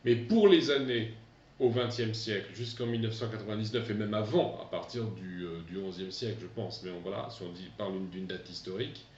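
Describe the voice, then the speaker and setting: A man in his fifties teaching an English lesson to pupils over a remote class, pausing often with fillers and having them repeat after him. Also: lowish voice, a little mellow, recorded from a distance, dull audio. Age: 50s. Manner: hesitant, repeats words for pupils to echo.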